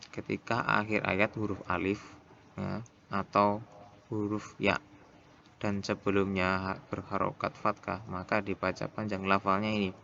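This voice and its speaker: A male teacher giving a recorded lesson, explaining step by step and reciting examples slowly. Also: fairly low pitch, creaky, sharp tone, lo-fi sound, a little hiss or hum.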